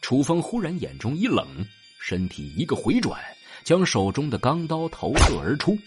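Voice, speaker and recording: Lively male audio drama narrator. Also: on the high side, normal speed, faint music behind. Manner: dramatic, expressive storytelling.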